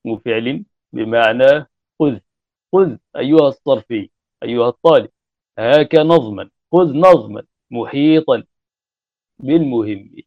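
A man giving a classroom grammar lecture, repeating and spelling out word forms deliberately. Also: mid-range voice, no room sound. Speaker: grammar teacher. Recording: dull lo-fi recording.

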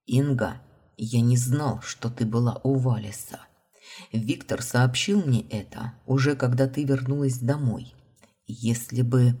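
A woman reading the lines of a young man, the heroine's blond brother, in a calm, guilty, soft-spoken way. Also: very deep voice, measured pace, husky, heavily acted.

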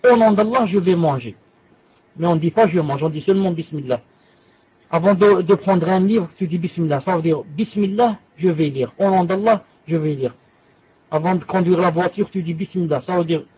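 High, husky man teaching a religious text. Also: highs cut off. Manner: explains patiently with repeated examples, switching between French and quoted Arabic. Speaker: Islamic teacher. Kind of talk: religious lesson explaining a classical text.

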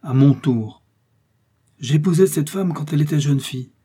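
A man's voice: fairly high pitch, moderate pace, warm tone, husky, pitched above the performer's own voice. A man playing a grave nobleman who trembles as he tells his accusation in an audiobook.

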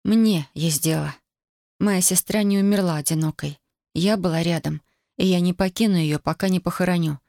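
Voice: medium pitch, moderate pace, creaky, darkish tone, no room sound, lightly acted. A reader voicing a stubborn young woman grieving in wartime, in a dry studio audiobook recording. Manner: cold, insistent, pleading. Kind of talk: audiobook character voice.

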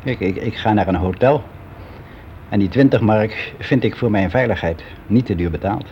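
On a dull lo-fi radio recording with a little hiss or hum, an actor voices a frank, fussy middle-aged man opening up about his private life in a radio play monologue. His pitch sits fairly low and his speed is normal, close to an everyday voice. He sounds hesitant, matter-of-fact and self-justifying, chatting as though responding to an interviewer.

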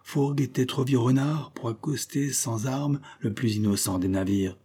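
A man narrating a literary sea story in a measured reading voice. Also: mid-range voice, mellow, slightly rough. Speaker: audiobook reader.

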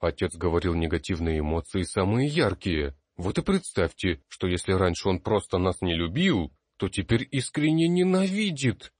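A man's voice: low-pitched, very animated, moderate pace, few pauses, darkish tone, slightly rough, dry recording, studio quality, heavily acted. A man voicing an anxious young male student in an audiobook, warning the others urgently and insistently. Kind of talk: audiobook character voice.

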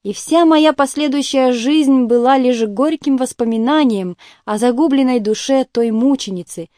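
A theatrical, self-pitying male doctor who groans over his humiliations and keeps flaring into agitated complaint, as a woman reads him aloud for an audiobook. The voice sits fairly high yet mellow, recorded dry and close. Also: moderate pace, no echo, close to an everyday voice. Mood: bitter. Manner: plaintive, groaning, rising to agitated outbursts. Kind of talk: audiobook character reading.

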